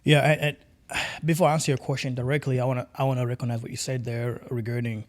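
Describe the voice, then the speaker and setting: A young man from Tanzania talks as a guest on a casual podcast. His voice sits in an ordinary middle pitch. He speaks earnestly and often restarts or repeats words as he works out what he means. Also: little pitch movement, quick pace. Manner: earnest, repeats words while searching for phrasing.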